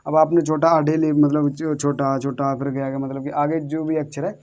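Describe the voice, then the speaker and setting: A man's voice: a little high, flat delivery, moderate pace, a little mellow. A man giving a lesson. He repeats himself, asks the viewers questions and answers them himself, and spells out words letter by letter. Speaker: English teacher. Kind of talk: classroom-style lesson.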